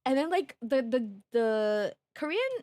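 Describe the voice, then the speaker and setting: A young woman from the Philippines, a streamer, casually tells a travel story, animatedly acting out the people she quotes with high squeals. She talks a little slowly, with no room sound.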